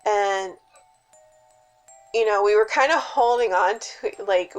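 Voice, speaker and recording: A woman's voice: medium pitch, takes it slowly, low-quality recording. Woman telling a suspenseful scary story over music. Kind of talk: casual spoken personal scary-story telling.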